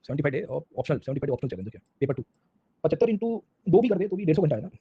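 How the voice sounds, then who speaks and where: A man's voice: a little high, very animated, racing, breathy edge. A man teaching a casual online history lecture in speech, constantly checking in with "sir, samjhe?". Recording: dull lo-fi sound.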